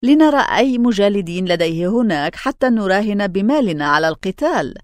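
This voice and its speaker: A woman's voice: mid-range voice, lively intonation, a little fast, no echo, studio quality, lightly acted. A woman playing a boastful, commanding man of influence in a storybook reading, with a self-assured manner. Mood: breezy.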